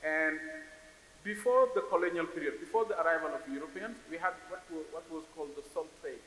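A man's voice: fairly high pitch, fairly quick, a bit bright. Senegalese man speaking in an echoey hall. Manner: thoughtful, repeats words while searching for phrasing. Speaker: investor panelist. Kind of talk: conference panel discussion. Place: large conference hall stage. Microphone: stage microphone on a stand. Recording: roomy hall reverb with faint hiss.

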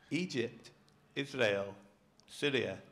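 A man's voice: mid-range voice, expressive, extremely slow, fairly bright tone, a little hiss or hum. A man hosting a pub quiz, reading questions aloud with dry, teasing asides. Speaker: quizmaster. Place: pub function room.

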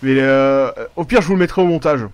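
A man narrating his own gameplay in a casual, rambling way, his voice sitting a little high. He swears freely and breaks off mid-sentence whenever something happens in the game. The talk runs on loosely, like chatting with viewers over a desk mic. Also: fairly quick, clean tone, dry recording. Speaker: gaming YouTuber. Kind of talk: live gameplay commentary.

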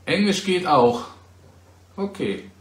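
A man from Germany chats with his viewers on a livestream recorded on a phone. His voice sits a little high, and he talks in a teasing, chatty way, often checking back with a quick "ja?". The room around him sounds echoey. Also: sing-song. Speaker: livestream host. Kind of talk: casual livestream chat answering viewers. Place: home in Poland.

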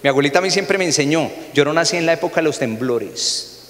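A man with a Colombian Spanish accent preaching a sermon as pastor, dropping to soft low asides and rising to raised, exclaiming peaks. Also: animated, quick pace, a little hiss or hum. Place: church sanctuary. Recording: long hall reverb of a church.

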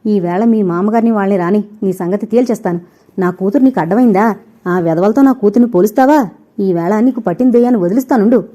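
A woman's voice: medium pitch, steady tone, fast, mellow, lightly acted. A woman doing a spiteful scolding mother-in-law. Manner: scolding, snapping. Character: bitter scolding older mother-in-law, spiteful and quick to snap.

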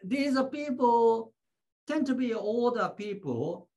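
High-voiced woman teaching very slowly. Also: expressive, dark tone. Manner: short phrases, acts out patients. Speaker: shiatsu teacher. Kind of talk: teaching through an interpreter.

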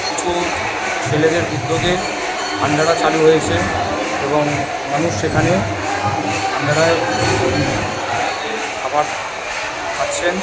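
A man with a West Bengal accent giving a halting interview statement as a temple representative. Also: a little high. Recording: very noisy crowd and traffic.

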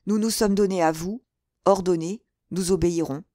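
A woman's voice: lowish voice, moderate pace, dark tone, dry recording, clean studio sound, lightly acted. Woman doing a brash, fearless musketeer. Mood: urgent. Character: bold, cool-headed male musketeer officer.

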